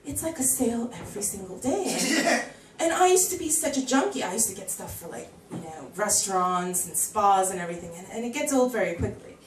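A woman's voice: mid-range voice, brisk, slight background noise. A woman in her thirties with an American accent, doing a chatty stand-up comedy set on a handheld mic in a small bar comedy club. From United States. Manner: chatty, animated, acts out voices in quotes. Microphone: handheld mic, filmed from far camera. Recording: echoey room from far off.

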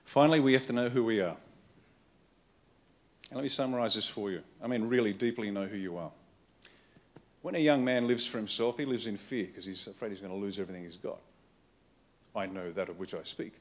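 A man's voice: fairly low pitch, brisk, long pauses. A middle-aged man with an Australian accent, giving a rousing political keynote from a conference hall stage into a podium microphone, speaking in punchy, emphatic short phrases that he often repeats. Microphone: podium microphone on a stand.

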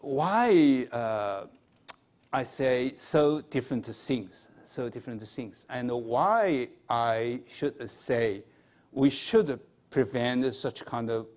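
A man in his sixties with a Chinese accent, giving a formal lecture at a podium in a halting, hesitant manner with repeated words. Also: medium pitch, lively intonation, darkish tone. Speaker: academic conference speaker. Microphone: podium microphone.

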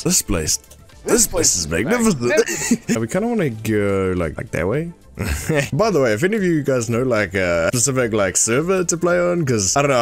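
Excitable young man narrating gameplay. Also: mid-range voice. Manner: excitable, laughs often, says "bro" a lot. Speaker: gamer. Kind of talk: casual gameplay commentary.

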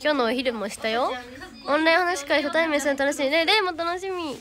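A teenage idol livestreamer from Hyogo, Japan, chats casually with a Kansai accent, reading out viewer comments, thanking fans by name, and referring to herself by name. She's bubbly, with a high, brisk, fairly bright voice.

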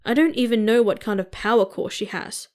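A woman voicing a calm, practical male Martian first officer with dry remarks. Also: on the high side, a little fast, natural voice.

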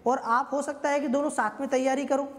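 This history teacher, a woman with a high-pitched voice, delivers an exam-prep lecture in a conversational style, often checking in with her listeners. Her tone stays steady and her pace is a little fast, while a long, ringing reverb trails her words.

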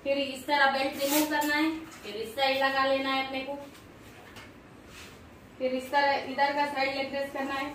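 A woman's voice: high voice, level tone, normal speed, pauses often, a bit bright, distant mic, slight background noise. A woman in her thirties, a fitness vlogger, chatting to viewers as she shows workouts on a home gym machine, talking to them directly and cheerfully. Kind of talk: casual workout demonstration. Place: small home gym room, indoors. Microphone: camera at a distance. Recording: very echoey room, voice from afar.

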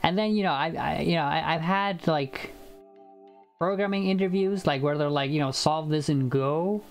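Soft music plays as a young man, Icelandic by first language, streams live coding from a room at home over a headset mic. His voice sits on the high side at normal speed, and his casual chat is full of fillers and restarts.

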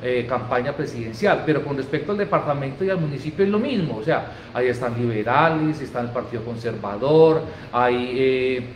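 A man's voice: medium pitch, animated, a little fast, few pauses, a little hiss or hum. A man in his forties with an Antioquian Colombian accent, co-hosting a political talk show in an emphatic, colloquial way. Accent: Colombian Spanish, Antioquia. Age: 40s. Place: office studio, indoors. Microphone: desk microphone. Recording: echoey room.

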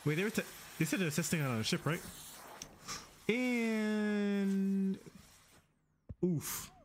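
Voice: mid-range voice, expressive, slow pace, slight background noise. A vtuber host giving casual, playful, rambling reactions to online videos.

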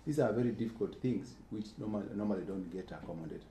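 A man giving an answer at a panel discussion, earnest and halting with many fillers, recorded in an echoey lecture room. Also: lowish voice, dark tone. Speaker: keynote speaker on urban planning. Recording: echoey room, faint hiss.

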